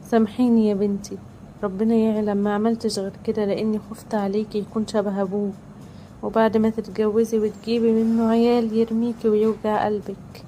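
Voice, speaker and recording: A woman's voice: medium pitch, flat delivery, fairly quick, dark tone, slight background noise, close to an everyday voice, poor audio. A woman voicing a remorseful older father in an Egyptian accent, speaking in a pleading, apologetic way.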